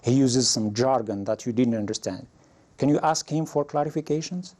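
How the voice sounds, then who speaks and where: Man, english teacher, mellow voice, patient classroom explaining, pitch rises on example phrases. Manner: explains slowly, lifts pitch when reading example phrases.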